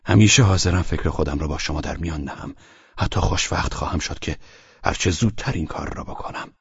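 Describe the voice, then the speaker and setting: A man's voice: rumbling low, vocal fry, husky, no room sound, muffled recording, exaggerated voice. A man voicing a stern, commanding middle-aged man who gives curt orders. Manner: curt and bossy.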